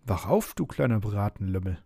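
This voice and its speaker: A man voicing a big, boastful, hungry wild dog in a bedtime storybook reading, gruff and menacing. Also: on the low side, expressive, normal speed, mellow, dry recording, clean studio sound, heavily acted. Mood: gloating.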